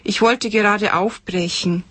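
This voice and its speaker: A woman's voice: mid-range voice, fairly even intonation, measured pace, a bit bright, slightly rough, no room sound. A woman reading aloud from her novel, voicing a flustered married woman in her thirties who speaks hesitantly. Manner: hesitant, stammering.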